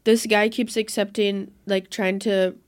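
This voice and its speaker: A young woman in her late teens, co-hosting a casual chat and telling stories in an animated way, laughing often. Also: mid-range voice, a little slow, clean tone. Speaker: podcast co-host.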